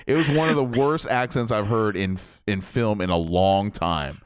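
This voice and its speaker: A young man co-hosting a podcast, chatting casually and jokily about a film in a rambling, animated way. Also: on the low side, moderate pace, clean tone, no echo. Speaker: podcast co-host. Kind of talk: casual film review chat.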